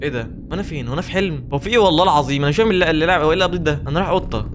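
A man with an Egyptian Arabic accent, commentating a horror game as a video host, excitable and jokey, talking back to the game characters. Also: a little high, rapid-fire, noisy background. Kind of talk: let's play commentary.

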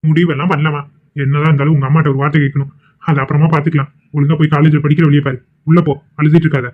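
A man's voice: on the high side, little pitch movement, racing, close to an everyday voice. A man voicing a stern middle-aged father in a cartoon, scolding and commanding. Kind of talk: cartoon voice acting. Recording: tinny phone-like audio.

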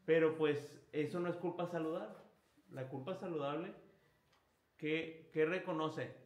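A man giving a spiritual retreat talk as a priest, animated, acting out inner voices and chuckling at himself. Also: a little high, measured pace, reverberant.

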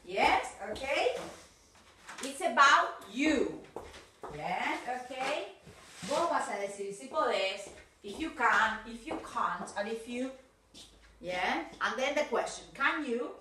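Argentine lady teacher, slow and encouraging, bit far off the mic, mixing spanish and english. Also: fairly high pitch, animated, roomy sound, background noise. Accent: Rioplatense Spanish. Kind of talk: recorded video lesson for children.

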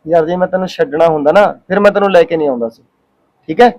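A man playing a young husband who gently reassures his wife. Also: on the high side, very fast, lightly acted. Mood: reassuring. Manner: reassuring, casual. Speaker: actor. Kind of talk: village short-film acting.

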